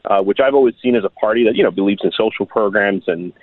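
A man in his thirties speaks in a deep, low voice over a thin, tinny phone line. He talks earnestly and haltingly, restarting his sentences and filling gaps with "uh". The line sounds dry, with no room around it. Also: dry recording. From Miami, United States. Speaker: guest writer. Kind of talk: radio interview over the phone.

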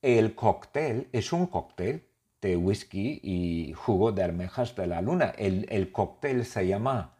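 A man telling an absurd comic story in slow, simple, repetitive sentences. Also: sits low, dark tone. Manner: playful, absurd, repeats phrases, slow. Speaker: podcast storyteller.

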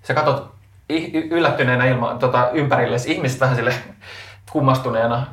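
A man's voice: medium pitch, steady tone, fairly bright tone. A man running a tabletop role-playing game as game master, telling the story dramatically with hesitant fillers. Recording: roomy, distant mic, faint noise.

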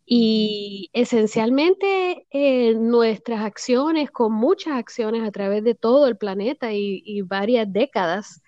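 A woman, speaking thoughtfully as an interview guest with many pauses and fillers. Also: a little high, dark tone, dry recording, lo-fi sound. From Puerto Rico. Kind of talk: reflective storytelling.

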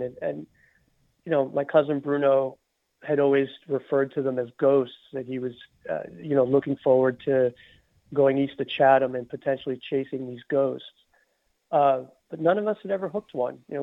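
A man, a podcast guest, chatting casually and telling anecdotes haltingly, repeating words as he goes. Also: medium pitch, no echo. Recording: tinny, narrow phone-like line.

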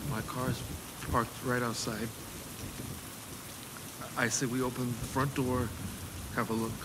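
An actor playing a nervous, stammering man who tries to calm others and defend a troubled friend. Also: mid-range voice, takes it slowly, close to an everyday voice. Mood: panicked. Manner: stammering, anxious, placating. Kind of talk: audio drama acting. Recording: long reverb and noise.

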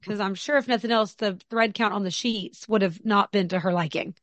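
A woman's voice: medium pitch, a little fast, fairly bright tone, no room sound. A woman guest on a podcast, making wry joking asides in casual chat.

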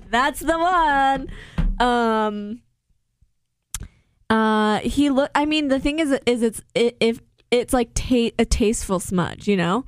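A woman's voice: on the high side, expressive, takes it slowly, clear, resonant tone, dry recording. A woman co-hosting a casual podcast chat, blunt and opinionated, laughing often. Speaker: podcast co-host. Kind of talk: casual chat recapping a reality show.

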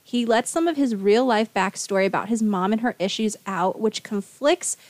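A woman's voice: medium pitch, normal speed, darkish tone, dry recording. A woman co-hosting a podcast, summarizing a novel's plot in casual chat with wry asides. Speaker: podcast co-host. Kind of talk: book recap, casual chat.

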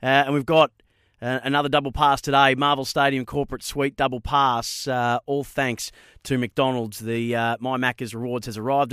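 A man's voice: medium pitch, a bit bright, clean tone, no echo. An Australian man presenting a live sports talkback show and quiz on radio, close on a studio microphone.

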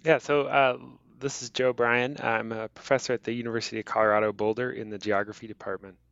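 A man speaking as a guest professor in an interview, measured and full of "uh" pauses. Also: mid-range voice, little pitch movement, fairly bright tone, dry recording. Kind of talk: casual interview talk. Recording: dull lo-fi sound.

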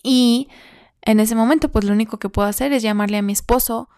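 A woman's voice: a little high, a little fast, darkish tone, no room sound, studio quality. A woman telling a personal story in a casual, reflective way, laughing between phrases and acting out her own past thoughts. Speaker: vlogger.

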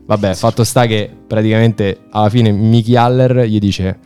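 A man's voice: lowish voice, steady tone, moderate pace, mellow, smooth, faint music behind. A man telling a story to friends in an emphatic, informal way, acting out dialogue and repeating words. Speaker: podcast host recounting a TV series.

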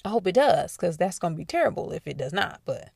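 An animated woman hosts a casual commentary podcast and talks straight to her listeners. Her voice sits fairly low and carries a gravelly edge. The recording is dry and close, with no room sound. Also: fast, no room sound. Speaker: podcast host.

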